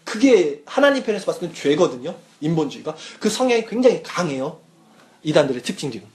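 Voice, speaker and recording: A man's voice: a little high, very animated, fast talker, a little mellow. A young man, a youth pastor, giving a casual sermon to students and often checking whether they follow. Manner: casual teaching, asks listeners questions.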